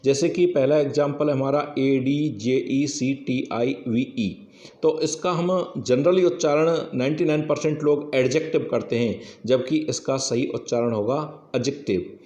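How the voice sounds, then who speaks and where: A man's voice: mid-range voice, a little slow, darkish tone, muffled recording. Man teaching in an echoey room. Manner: explains step by step, keeps saying "yes, friends". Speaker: English teacher. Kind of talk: exam-prep lesson.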